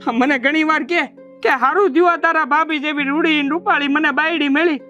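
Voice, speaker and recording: A lovesick young brother-in-law from the village, whining and pleading. The sound is muffled and lo-fi, with soft music faintly behind. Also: male voice, extremely high pitch, fairly even intonation, brisk. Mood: coaxing. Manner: whiny, pleading.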